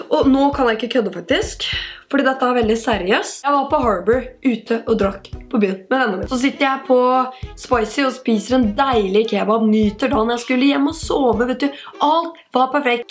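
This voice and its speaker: An eighteen-year-old woman vlogger reading hate comments aloud and answering them with sarcastic, quick-tempered retorts. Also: fairly high pitch. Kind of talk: casual vlog.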